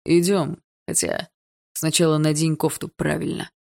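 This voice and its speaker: A cocky teenage boy drawls and mocks at an unhurried pace, as a woman puts him on. The voice sits low for a woman and stays cool and taunting. An audiobook character voice. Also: level tone, creaky, a little mellow. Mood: teasing.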